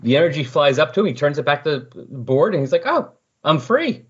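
Sounding like a podcast guest, a man talks casually and with enthusiasm about comic books. His voice sits on the high side with a breathy edge, and he speaks fast. The audio is muffled and lo-fi.

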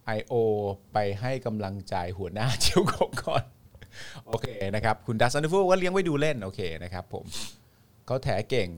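A man's voice: mid-range voice, normal speed. A young man hosting a casual live stream, reading viewer comments and joking with a co-host. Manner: joking, animated, laughs often, swears casually.

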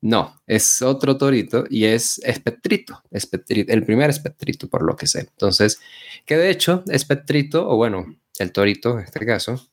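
A man co-hosting a casual wrestling discussion, talking informally and haltingly with chatty asides. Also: medium pitch, lively intonation. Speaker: wrestling show co-host.

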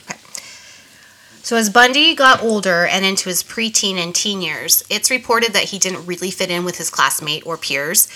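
A woman's voice: mid-range voice, expressive, moderate pace, pushed and bright. A woman co-hosting a podcast, nasal from a recent illness, reading from notes with small restarts. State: nasal from a cold. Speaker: podcast co-host.

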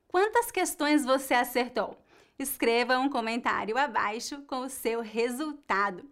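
Brazilian woman, language teacher, slightly high, careful scripted delivery. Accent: Brazilian Portuguese. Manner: slow, clear explanation for learners. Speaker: Portuguese teacher. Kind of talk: scripted lesson.

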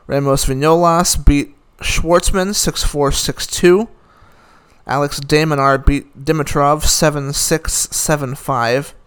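A man's voice: fairly high pitch, fairly even intonation, slow pace, a bit bright, clear, resonant tone. A man giving a casual, opinionated recap of the day's tennis results, rattling off scores with dry asides. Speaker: tennis commentator.

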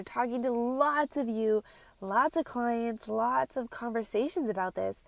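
A woman with a slightly high voice and vocal fry, recorded with no room sound, hosts a chatty solo podcast as a health coach for moms. Her stuffed-up nose gives her a congested, nasal tone as she talks informally and emphatically to listeners, repeating phrases for effect.

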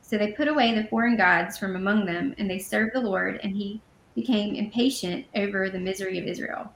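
A woman co-hosting a conversational Bible study podcast. She reads scripture aloud and then unpacks it in a relaxed, chatty way, with fillers and quick self-corrections. Her voice has a gravelly edge, and the room gives it a noticeable echo. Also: medium pitch, a little hiss or hum. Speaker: podcast co-host. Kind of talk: casual Bible study reading and commentary.

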